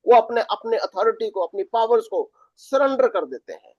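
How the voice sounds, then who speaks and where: A man's voice: sits high, sing-song, normal speed, no room sound, highs cut off. A man teaching a Bible study as pastor, mixing in English words and often restarting his phrases.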